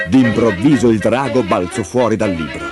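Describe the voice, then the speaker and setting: A man narrating a fairy tale in an expressive, lively storytelling manner. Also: on the low side, normal speed, over music.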